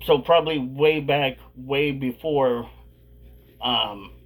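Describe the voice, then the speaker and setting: A man's voice: medium pitch, slow pace. A man hosting a casual vlog, talking with a dip of chewing tobacco tucked in his lip. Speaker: video host.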